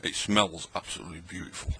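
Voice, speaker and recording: Against a noisy background, a middle-aged man with a low voice and fairly even intonation talks fast, chatting and joking as he eats old tinned food at his table late at night. It's rambling, casual late-night vlog talk.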